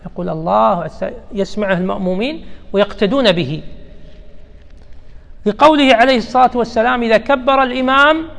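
A man delivers a religious lesson in a high, gravelly voice. He explains patiently and circles back to repeat the important terms. The recording rings with a long reverb, as in a big hall. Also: fairly bright tone. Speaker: religious teacher.

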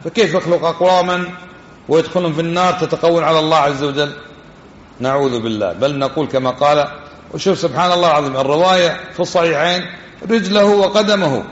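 A man giving a religious lesson, talking quickly and conversationally and putting questions to his listeners. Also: fairly high pitch, slight background noise. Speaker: religious teacher. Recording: dull, echoey hall.

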